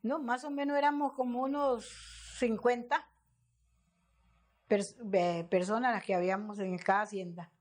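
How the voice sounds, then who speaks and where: A woman's voice: a little high, fairly even intonation, moderate pace. An older woman with a Guanacaste Costa Rican accent, explaining how the haciendas worked, searching for words as she talks. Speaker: interviewee. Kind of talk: documentary interview.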